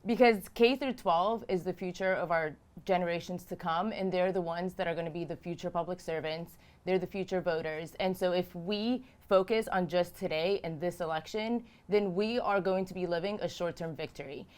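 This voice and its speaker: Woman from Romania, 30s, political candidate, emphatic, repeats phrases, smooth resonant voice. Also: fairly low pitch, normal speed, few pauses, a little mellow. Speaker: House candidate. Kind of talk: political interview answers.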